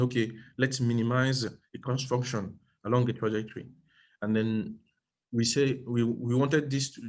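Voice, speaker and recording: A man giving an academic thesis defense presentation as a doctoral candidate, speaking in a hesitant, halting way and often repeating and rephrasing himself. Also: medium pitch.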